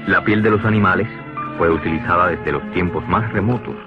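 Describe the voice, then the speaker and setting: A deep-voiced man narrates an educational cartoon from a script, fairly quickly and in a didactic, explanatory way. The old soundtrack is dull and lo-fi, with clear background music.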